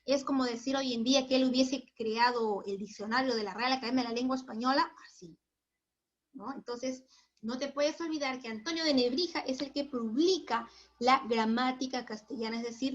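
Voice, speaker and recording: A woman's voice: fairly high pitch, moderate pace. A woman teacher giving a chatty recorded lesson, asking herself questions and answering them. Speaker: school teacher. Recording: dull lo-fi recording.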